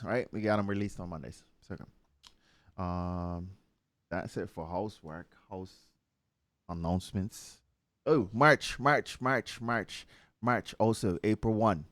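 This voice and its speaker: Male host, low voice, dry close mic, laid-back fillers. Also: no echo. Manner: relaxed, filler-heavy announcements. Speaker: show host. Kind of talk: casual podcast chat.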